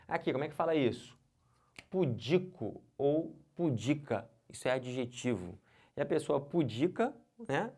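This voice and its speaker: Brazilian male teacher, middle pitch, upbeat, keeps checking that the class follows. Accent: Brazilian Portuguese. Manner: lively, talks straight to viewers with constant check-ins. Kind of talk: exam-prep lesson.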